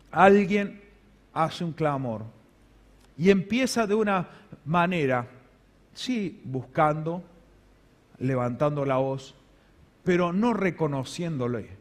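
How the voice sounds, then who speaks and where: A man, a pastor with an Argentine accent, preaching a sermon with dramatic swings between loud emphatic lines and low hushed ones. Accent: Argentine Spanish. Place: large church hall. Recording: long hall reverb.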